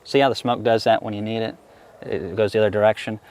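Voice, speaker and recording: Easygoing low-voiced man talking bees. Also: steady tone, quick pace, darkish tone. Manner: easygoing, chatty and enthusiastic. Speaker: beekeeper being interviewed. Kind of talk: casual interview answers while working a hive. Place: outdoors at a beehive.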